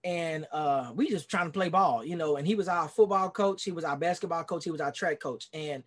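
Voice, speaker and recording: A pastor in his forties from Dallas, Texas, with a Texan accent, tells his life story as a podcast guest in a casual video-call interview. His voice is a little high and brisk, and he comes across earnest and rambling, with many "you know"s and restarts.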